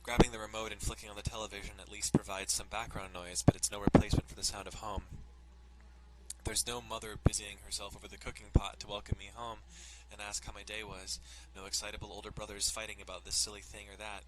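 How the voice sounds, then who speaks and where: A man with a fairly low, flat-sounding voice races through a visual novel as a let's player, keeping it informal and throwing in sweary jokes. Loud music runs under him, making the clip very noisy.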